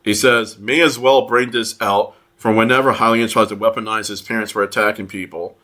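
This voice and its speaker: A man commenting on online posts, reading them aloud in a halting way with many fillers and restarts. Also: on the low side, fairly even intonation, sharp tone. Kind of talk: casual commentary over screenshots.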